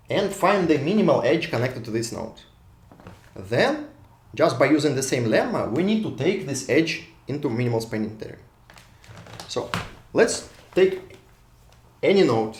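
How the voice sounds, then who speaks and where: This man's voice is a little high and a little mellow, carrying a Russian accent. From Russia, he lectures at a whiteboard in a university hall, drawing as he thinks out loud with frequent restarts and repeated words, while the echoey room and off-mic drift color the recording.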